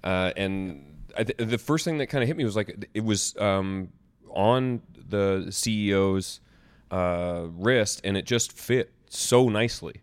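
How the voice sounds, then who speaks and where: A man on a podcast panel, talking in a thoughtful way with frequent pauses. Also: on the low side, clean tone, dry recording.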